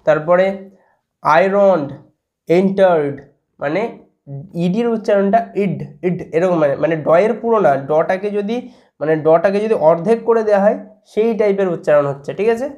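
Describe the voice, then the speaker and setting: High-voiced man explaining, Bengali accent. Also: brisk, warm tone, highs cut off. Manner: explains step by step, spells words letter by letter; asks the viewer questions and answers them. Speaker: English teacher. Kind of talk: video lesson.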